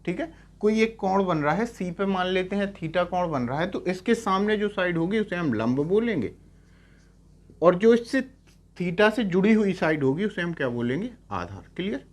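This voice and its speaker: With big swings in his high-pitched voice and a moderate pace, a math teacher lectures in a Hindi-English blend. He frequently asks brief checking questions and echoes each important term, classroom style.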